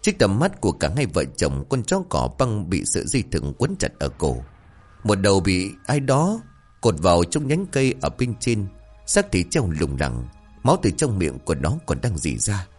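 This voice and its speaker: Guy narrating a spooky story, low voice but really animated, soft music behind. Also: normal speed. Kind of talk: spoken horror story narration. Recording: faint background music.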